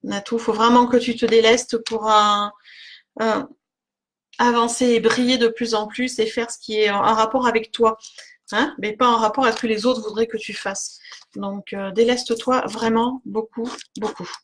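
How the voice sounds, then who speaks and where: A woman's voice: on the high side, level tone, normal speed, slight background noise. Chatty French-speaking woman reading oracle cards. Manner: warm, chatty, frequent fillers and laughs, addresses viewers by name. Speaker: spiritual oracle card reader on a live stream. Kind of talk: live-stream card reading, talking to viewers.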